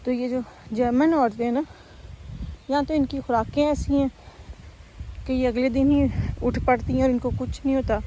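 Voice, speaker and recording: A woman's voice: high-pitched, fairly even intonation, normal speed, long pauses, mellow, rough recording. A woman chatting casually into her phone while walking outdoors, breathing hard on the climbs. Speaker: vlogger. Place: outdoors in a German village. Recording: faint outdoor background noise.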